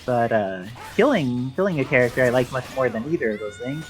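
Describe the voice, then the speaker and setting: A man's voice: mid-range voice, animated, brisk, over music, low-quality recording. A man giving live play-by-play commentary on a fighting game tournament, explaining mechanics and history at length. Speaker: esports commentator.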